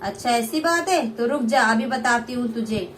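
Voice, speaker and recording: A young woman voicing a harsh, greedy older mother-in-law in a puppet play, shrill and scolding. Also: normal speed, fairly bright tone, slight background noise, natural voice.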